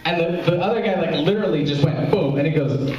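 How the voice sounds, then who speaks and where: On stage at a small club's open mic before a live audience, a young man from Memphis, Tennessee, US, rambles through his set, breaking off jokes midway and laughing at himself. His voice is on the high side, darkish and quick. The lo-fi sound carries slight background noise and is very echoey, picked up from far off.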